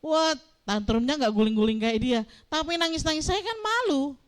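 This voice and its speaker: Middle-aged woman pastor, high voice, lively storytelling sermon that acts out the dialogue. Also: normal speed. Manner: animated storytelling, acting out dialogue.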